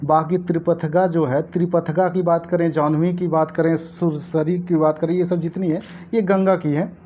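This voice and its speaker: Mellow-voiced woman teaching a language lesson. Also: on the low side, a little hiss or hum. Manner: explanatory, repeats key words slowly and addresses viewers as friends. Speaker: exam coaching teacher. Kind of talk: Hindi exam lesson, going through a past paper.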